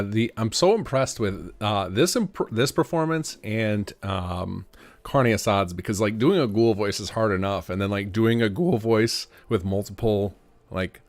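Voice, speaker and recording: A man's voice: fairly low pitch, no echo. A man giving casual, rambling gameplay commentary as a streamer, thinking aloud. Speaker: game streamer and modder.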